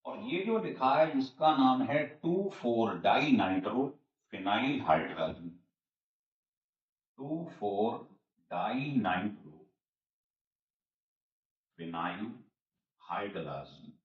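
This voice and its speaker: A man's voice: on the low side, expressive, takes it slowly, pauses often. A man giving a chemistry lecture, explaining each step over and over and answering his own questions. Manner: repetitive step-by-step explaining, asks and answers himself. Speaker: chemistry teacher. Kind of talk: classroom lecture. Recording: roomy, distant and dull-sounding.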